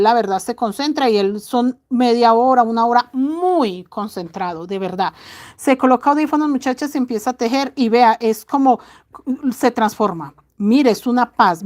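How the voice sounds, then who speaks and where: A middle-aged woman chatting casually to her viewers, loud-voiced and fond of affectionate diminutives. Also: a little high. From Colombia. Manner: speaks loudly. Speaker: crochet channel host.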